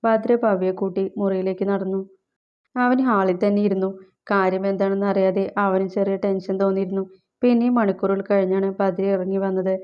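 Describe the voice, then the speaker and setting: A woman reading a scripted story aloud as narrator, in a steady, unhurried manner. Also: mid-range voice, lo-fi sound.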